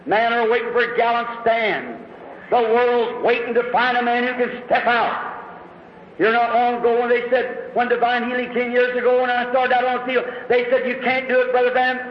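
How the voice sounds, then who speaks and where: A man preaching a sermon, telling stories dramatically and rising to shouts. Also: very high voice, steady tone, moderate pace, slight background noise. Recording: echoey hall, dull lo-fi recording.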